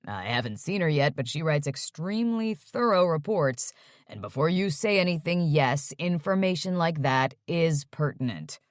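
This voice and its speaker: A woman's voice: low voice, expressive, moderate pace, no echo, clean studio sound. A woman voicing an uptight young man who answers curtly and mutters when annoyed. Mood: irritated. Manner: curt and muttering.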